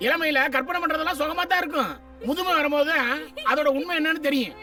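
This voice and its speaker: A woman's voice: sits high, fast. An older woman acting an exasperated elder who scolds young women, in a film scene. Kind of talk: film dialogue. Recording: distant film sound under loud music.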